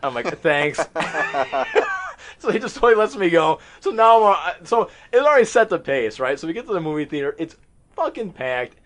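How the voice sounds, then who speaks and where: A man's voice: on the high side, sing-song, moderate pace, fairly bright tone, a little hiss or hum. A man hosting a podcast, telling a story among friends in a casual, profane, self-mocking way.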